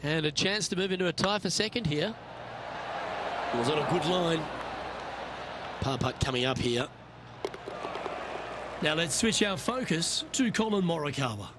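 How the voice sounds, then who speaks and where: A man giving measured, understated golf commentary as the play-by-play announcer. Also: on the high side, expressive. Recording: crowd and outdoor noise behind voice. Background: crowd and outdoor ambience.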